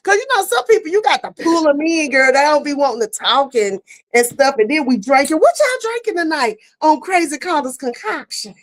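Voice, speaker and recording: A middle-aged woman hosting a casual online talk show, lively and laughing, with easy "y'all" talk. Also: high voice, a little fast. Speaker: host. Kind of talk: casual chat. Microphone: streaming setup.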